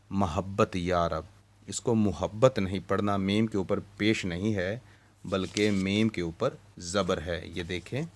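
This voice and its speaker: Slow, deep-voiced male Urdu teacher. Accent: Pakistani Urdu. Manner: recites poem lines slowly, then spells out vowel marks. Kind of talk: slow spoken lesson for young children.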